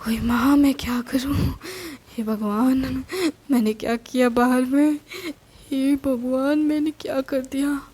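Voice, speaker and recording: A woman's voice: medium pitch, flat delivery, measured pace, darkish tone, close to an everyday voice. A woman voicing a flustered middle-aged mother who rambles anxiously with many restarts. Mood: panicked.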